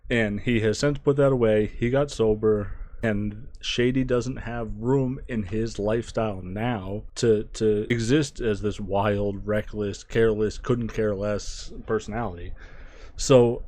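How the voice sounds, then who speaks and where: A man giving a casual spoken album review, thinking aloud, restarting phrases and trailing off quietly. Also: fairly low pitch, steady tone, a little slow. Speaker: music reviewer.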